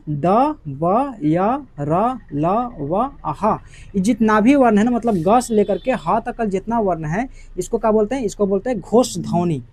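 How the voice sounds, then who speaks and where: A man's voice: sits high, a little mellow, no room sound. A man with a Bihari Hindi accent, teaching a grammar lesson, repeating terms and checking understanding with rhetorical questions.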